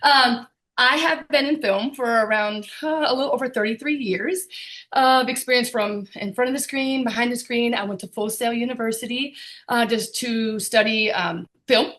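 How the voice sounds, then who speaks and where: A woman producer and director hosting a video call, chatty and excited, with frequent fillers and laughs. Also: a little high, moderate pace. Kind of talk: casual presentation on a video call.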